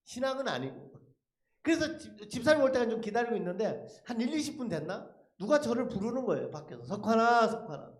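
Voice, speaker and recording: Animated high-voiced man testifying in an echoey church. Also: quick pace. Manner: animated storytelling with rhetorical questions. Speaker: lay speaker giving a testimony. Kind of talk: dramatic testimony at a church service. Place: church sanctuary.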